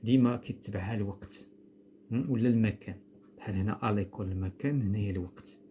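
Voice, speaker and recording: In a recorded classroom grammar lesson, a man with a Moroccan accent teaches patiently, step by step, quizzing a pupil and spelling words letter by letter. His voice is fairly low, mellow and very fast, with slight background noise.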